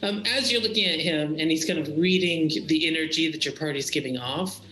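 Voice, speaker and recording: Male game master, casual narration with fillers, bit high-pitched; echoey room, faint music. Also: fairly quick, sharp tone.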